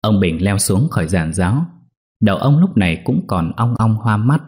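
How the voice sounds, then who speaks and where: A man narrating a ghost story in an expressive storytelling way. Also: on the low side, normal speed, husky.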